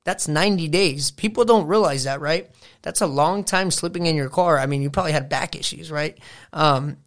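A man's voice: on the high side, moderate pace. A man hosting a casual interview, laid-back and slangy, reflecting back on what his guest said. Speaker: interviewer host.

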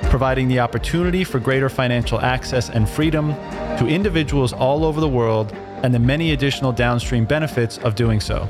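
Over music, a podcast host with a mid-range voice speaks a little fast, reading a scripted intro before moving into a casual interview. He chats politely with his guest, using some fillers.

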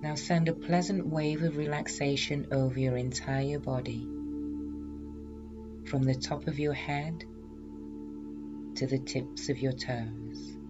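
A woman hypnotherapist guiding a self-hypnosis session in a calm, meditative, soothing way. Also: very deep voice, takes it slowly, long pauses, highs cut off, loud music behind the voice. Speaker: hypnotherapist and weight loss coach, podcast host.

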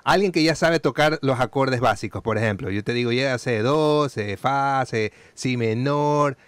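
A man, hosting a casual interview in a relaxed, slangy way and asking friendly questions. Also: mid-range voice, measured pace, clear, resonant tone, no echo. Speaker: host.

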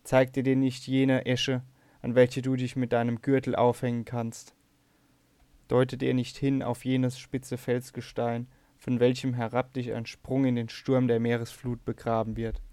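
Despairing abducted princess, read by a man, raised lament, narrow pitch, dry. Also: completely flat delivery, a little slow, clean tone, no room sound, lightly acted. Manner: lamenting, pleading, a little louder than the narration. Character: despairing young princess abducted to a strange shore.

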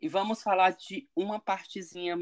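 A man's voice: high voice, fairly even intonation, normal speed. A man interviewing a guest, asking leading questions and agreeing often. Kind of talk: casual interview talk.

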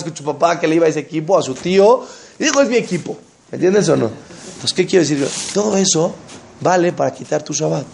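Gravelly rabbi, slightly high. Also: male voice, darkish tone, slight background noise. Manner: conversational, full of rhetorical questions; acts out quoted people in quick asides. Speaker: rabbi giving a Torah class. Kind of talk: informal religious talk.

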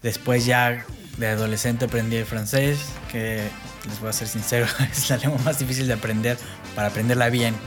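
A man's voice: medium pitch, steady tone, normal speed, music in the background. Mexican man, bilingual, chatting on a podcast. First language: bilingual English and Spanish. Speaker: podcast co-host. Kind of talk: casual podcast chat.

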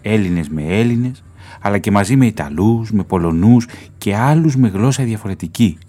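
A man narrating a documentary report in a solemn, measured, scripted way. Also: fairly low pitch, expressive, warm tone.

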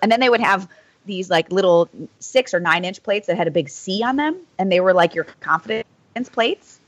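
A woman's voice: medium pitch, animated, normal speed, no echo. A woman guest on a podcast, chatting casually about running and laughing often, with many "like" fillers. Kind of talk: casual chat.

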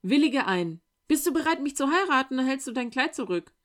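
A woman's voice: high voice, animated, fairly quick, pitched above the performer's own voice. A woman reading aloud and voicing a possessive male serpent king who threatens a girl, speaking in a raised, insistent voice. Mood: demanding. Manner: demanding, threatening.

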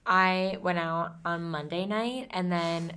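A woman's voice: fairly low pitch, fairly even intonation, slow, pushed and bright, a little hiss or hum. A woman in her twenties co-hosting a casual podcast, rambling chattily with many fillers. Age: 20s. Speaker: podcast co-host. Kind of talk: casual chat.

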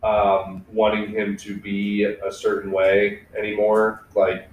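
A man's voice: on the low side, monotone, slow pace, distant mic, slight background noise. A young man hosting a casual podcast, talking candidly and reflectively, swearing freely and leaning on filler words. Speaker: podcast host. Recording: echoey room, away from mic.

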